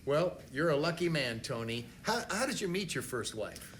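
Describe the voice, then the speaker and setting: An actor playing a wisecracking lounge host who tells punchy jokes with slow timing. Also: male voice, on the high side, very animated, a bit bright, a little hiss or hum. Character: wisecracking Italian-American lounge host, brash.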